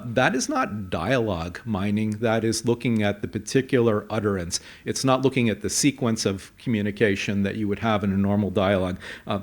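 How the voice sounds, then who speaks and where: A man presenting a conference talk, explaining with a measured pace and frequent fillers. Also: on the low side. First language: English. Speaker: conference speaker. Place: conference hall.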